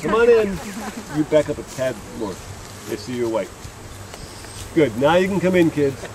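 A man teaching beekeeping outdoors beside the hives, talking gently to the bees as he explains. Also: fairly high pitch, sing-song, normal speed, background noise. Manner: coaxing, talks to the bees. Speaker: beekeeping instructor. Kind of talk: hands-on teaching talk at the hives.

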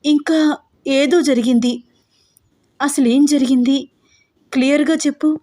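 A woman's voice: sits high, fairly even intonation, measured pace, mellow, voice pushed up. A woman voicing a tearful, protective older sister. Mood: pleading. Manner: weeping, pleading.

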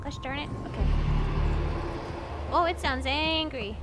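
A woman's voice: high-pitched, measured pace, heavy background noise. A woman livestreaming a video game with playful, silly commentary full of babble and exclamations. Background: game music and sound effects.

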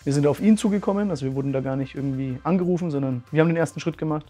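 Mellow-voiced man in his thirties. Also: a little high, very fast, soft background music. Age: 30s. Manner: earnest, thoughtful with frequent fillers. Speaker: martial arts school owner. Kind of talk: testimonial interview. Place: bright room with curtains, indoors.

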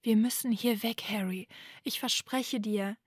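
A woman reading the lines of an earnest young witch who pleads softly in a fan audiobook. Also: a little high, a little slow, breathy edge, no room sound, clean studio sound. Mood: pleading.

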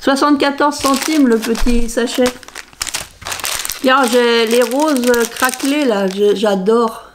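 A middle-aged woman talks through her craft haul in a rambling, self-mocking way, and her voice sits a little high. A faint hiss runs under the recording, with plastic bags crinkling now and then. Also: takes it slowly. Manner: chatty, rambling, self-mocking, laughs at herself. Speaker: crafts vlogger showing a shopping haul. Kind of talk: casual haul chat.

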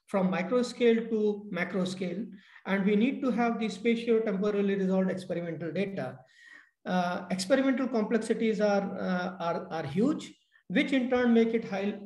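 A middle-aged man giving a technical keynote lecture over a video call, halting with many fillers and restarts. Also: sits high, darkish tone. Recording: echoey room.

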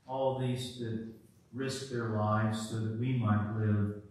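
Man praying slowly in cathedral echo. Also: on the low side, steady tone, a little mellow. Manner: solemn, deliberate, pausing between phrases. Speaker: officiant leading the prayers. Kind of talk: slow, measured liturgical prayer. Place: large church. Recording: echoey church, mic far off.

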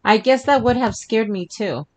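A man putting on a teasing high-voiced wife. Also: lightly acted. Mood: wry. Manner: taunting, slow and drawn out. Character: teasing young wife, playful and skeptical.

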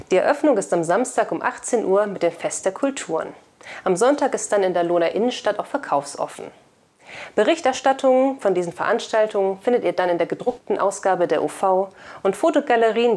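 A woman in her thirties with a German accent hosts a weekly video bulletin, reading scripted local news in an indoor studio. Her medium-pitched voice is a little mellow, picked up by a lapel mic.

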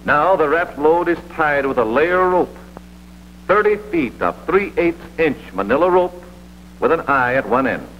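The narrator of this vintage military training film is an American man with a fairly high voice, lively intonation and an unhurried pace. His tone is scripted, authoritative and instructional, and the dull soundtrack hums and hisses.

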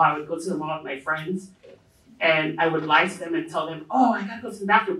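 A middle-aged woman from Hawaii, a self-publishing publisher, speaks informally as a panelist, sharing anecdotes and quoting people along the way. Her voice sits fairly low, bright and forceful, picked up by a handheld microphone. The indoor event room gives a roomy echo with distant event sounds behind her.

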